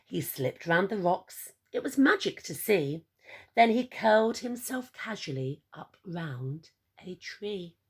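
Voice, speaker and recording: Reading slowly in a lowish, breathy voice, a woman performs a picture book for children with theatrical expression. She pauses for encouraging asides and asks the young listeners questions.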